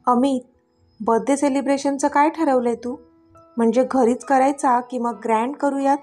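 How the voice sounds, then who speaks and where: A woman's voice: high voice, fairly even intonation, normal speed, darkish tone, faint music behind. A woman voicing an emotional, caring middle-aged mother in a storybook reading. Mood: tender. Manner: tender, emotional.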